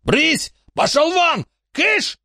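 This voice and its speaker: A panicky young gunman with a gun yells in a piercing, frantic voice that leaps high and wide. The sound is close and dry. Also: sing-song, normal speed, dry recording, full character voice. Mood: panicked. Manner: hysterical yelling.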